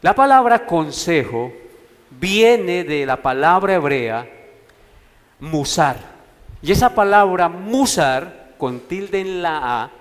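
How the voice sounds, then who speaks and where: A man, preaching a sermon as pastor in a slow, deliberate way, repeating key words for emphasis. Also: high voice, lively intonation, in a large hall. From Colombia. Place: church sanctuary.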